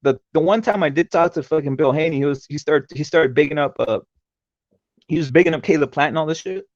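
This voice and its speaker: A man's voice: a little high, fairly quick, no room sound. A man hosting a casual, profane talk stream, talking like a brash frat bro in slangy, swear-heavy bursts. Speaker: host of a boxing talk show. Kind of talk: casual profane live panel chat. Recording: dull lo-fi streamed audio.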